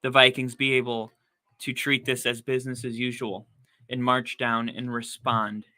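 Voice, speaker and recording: A young man talks through a football game for his podcast audience in a bright, forceful voice. He is casual and chatty and gets excited and incredulous at the plays. His voice is a little worn from talking so long. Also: medium pitch, normal speed. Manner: chatty, excitable, rising to loud disbelief at plays. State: losing his voice. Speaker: podcast host doing live game watch-along commentary. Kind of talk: casual play-by-play chat.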